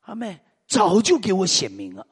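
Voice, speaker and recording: A middle-aged man from Taiwan, preaching a sermon with lively storytelling and frequent hallelujahs and amens. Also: high-pitched, moderate pace, husky, in a large hall.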